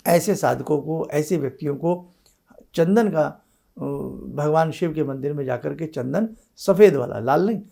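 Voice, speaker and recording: A man's voice: a little high, gravelly, warm tone. A man, an astrologer and spiritual teacher, giving devotional teaching with remedies and addressing his listeners as seekers in an instructive, repetitive way.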